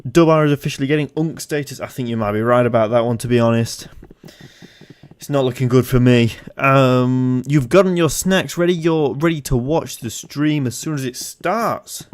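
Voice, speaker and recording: A man's voice: mid-range voice, moderate pace, smooth. A twenty-year-old man hosting a casual gaming livestream through headset audio, upbeat and jokey as he reads out chat. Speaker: streamer.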